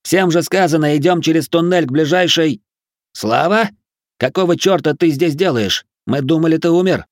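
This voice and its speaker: A man plays an exhausted young militiaman barking gruff orders in an argument, lightly acted and pitched above his natural voice. The delivery is a little high and animated at a moderate pace. The studio sound is clean with no echo.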